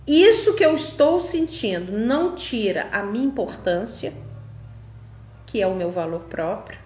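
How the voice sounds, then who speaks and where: A woman delivers a motivational self-help talk straight to her viewers. Her voice sits a little high, and she presses her points hard, stretching key phrases out slowly. The room rings with a noticeable echo. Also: animated, a little mellow, a little hiss or hum. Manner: emphatic, tells listeners to take notes. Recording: roomy echo.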